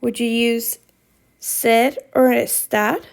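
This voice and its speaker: A woman's voice: a little high, fairly even intonation, slow, gravelly. A woman teaching Spanish, reading quiz questions aloud and patiently repeating instructions to her students.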